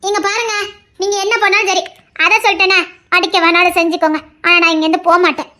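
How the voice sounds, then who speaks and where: A woman's voice: very high voice, little pitch movement, fast, sharp tone. A woman voicing a stubborn, loving young wife in an audio drama, talking earnestly and insistently. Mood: devoted, pleading.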